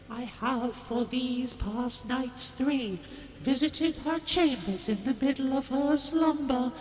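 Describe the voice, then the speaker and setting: A high ghost voice drenched in long reverb. She is a solemn, old-fashioned suffragette spirit in a radio comedy, speaking slowly and hauntingly over faint noise. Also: darkish tone. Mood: solemn reproach. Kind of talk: comedy radio sketch acting.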